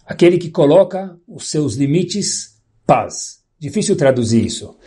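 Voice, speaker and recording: A man with a Brazilian Portuguese accent gives a sermon as a religious teacher, telling a story and swinging his voice high and low, slowing down for emphasis. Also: animated, mellow, breathy edge.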